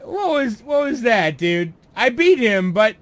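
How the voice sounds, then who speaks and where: A man doing let's play commentary, talking to his viewers and cursing loudly at the game as he plays. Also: very high-pitched, big pitch swings, measured pace, dry recording. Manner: frequent swearing outbursts, yelling at the game; talks to viewers as "guys". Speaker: gamer streamer.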